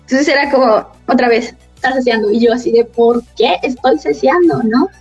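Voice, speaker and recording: A woman's voice: high-pitched, normal speed, slightly rough, dry recording, lo-fi sound, faint music behind. A woman, a voice actress, chatting casually and laughing often as she tells stories. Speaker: voice actress guest. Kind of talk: casual chat.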